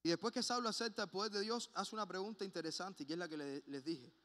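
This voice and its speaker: Male preacher, high bright voice, fervent delivery, long church reverb. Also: fast talker. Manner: impassioned, swings between loud emphasis and hushed personal asides. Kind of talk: sermon. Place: church sanctuary.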